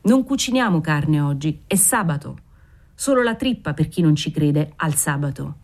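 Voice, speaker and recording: A woman reading aloud and voicing a male tavern errand boy, brisk and matter-of-fact. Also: low voice, lively intonation, darkish tone.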